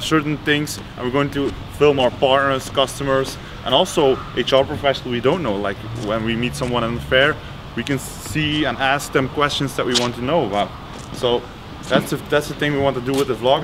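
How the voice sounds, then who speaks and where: A young man introduces his vlog in an easygoing, casual way, sometimes stumbling over a word and starting again. His voice sits at an ordinary middle pitch. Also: noisy background. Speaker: vlog host. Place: outdoors on an office campus, then a small office booth.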